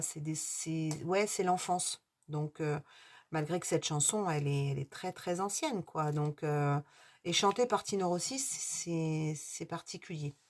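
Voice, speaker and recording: A middle-aged woman chatting casually to her viewers as she answers a video tag. Her voice sits low, and she talks slowly, pausing often on fillers and restarting her sentences. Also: a little mellow. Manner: hesitant, many fillers and restarts.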